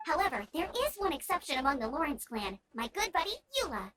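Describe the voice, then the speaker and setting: Very high, perky young scout Amber. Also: female voice, sing-song, fast talker, very noisy. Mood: friendly explaining. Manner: upbeat, friendly, eager. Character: perky, encouraging young female scout knight. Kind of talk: video game voice acting. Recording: loud game music behind.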